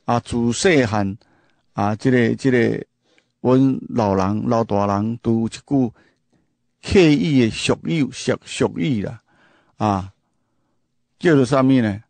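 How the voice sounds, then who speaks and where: Host, male, Hakka-native speaker, emphatic folksy monologue with lots of rhetorical asides, mid-pitched, dry close sound. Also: takes it slowly, pauses often, a little mellow, dry recording. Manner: emphatic, full of rhetorical questions; repeats and restarts phrases. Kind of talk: casual storytelling monologue.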